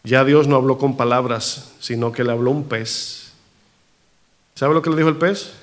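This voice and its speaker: A man preaching a sermon in a church, animated, asking the congregation rhetorical questions. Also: mid-range voice, moderate pace. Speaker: pastor.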